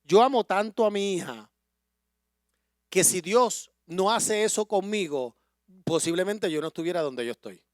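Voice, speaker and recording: A middle-aged male pastor preaches with deep emotion, his fairly high voice swelling into impassioned declarations. The sound is dry and close, with no room echo. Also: animated, moderate pace. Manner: emotional storytelling that builds to impassioned loud preaching. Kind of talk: sermon.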